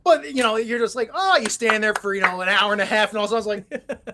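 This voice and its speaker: Animated middle-aged man, chatty co-host. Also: sits high, fast talker, noisy background. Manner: animated storyteller, acts out quotes. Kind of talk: casual chat.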